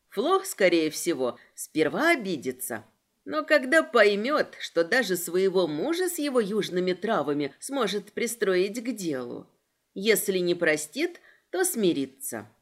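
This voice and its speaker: Woman narrating a novel expressively. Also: medium pitch. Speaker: audiobook narrator. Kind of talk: first-person novel narration.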